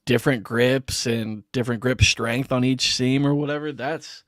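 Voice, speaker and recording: A man's voice: medium pitch, fairly even intonation, normal speed. A man hosting a casual sports podcast in an easygoing, slangy way, often calling his co-host "bro". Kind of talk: casual chat.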